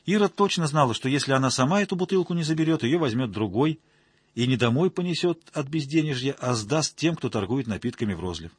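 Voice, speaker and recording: A man's voice: mid-range voice, expressive, fast, breathy edge, no echo, clean studio sound. A man narrating an audiobook in a wry, colloquial storytelling manner.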